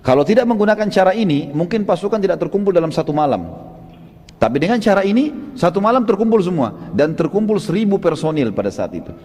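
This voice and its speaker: Male preacher, storytelling lecture, somewhat high voice, long hall reverb. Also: sing-song, fast talker. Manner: vivid storyteller, often rising into shouted quotes; addresses listeners as friends, frequent "ya" tags. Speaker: Islamic preacher.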